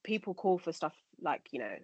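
A woman's voice: deep voice, very animated, moderate pace, breathy edge, no room sound, highs cut off. A young woman co-hosting a casual podcast discussion, thoughtful, in long winding sentences with fillers. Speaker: podcast co-host.

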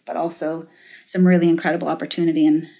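A middle-aged Finnish venture capitalist, appearing as an interview guest, speaks in a low, level, warm voice and talks fast. She's thoughtful, with many fillers and restarts.

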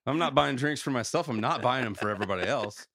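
A man's voice: mid-range voice, quick pace, creaky, fairly bright tone. A man hosting a recap podcast in casual, riffing chat, speaking with an incredulous, sometimes profane edge. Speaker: podcast host.

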